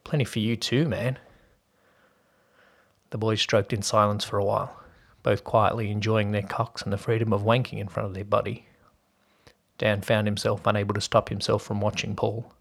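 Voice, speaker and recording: A man hosting a podcast and narrating a story in an even, steady reading voice. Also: lowish voice, fairly quick, vocal fry, breathy edge.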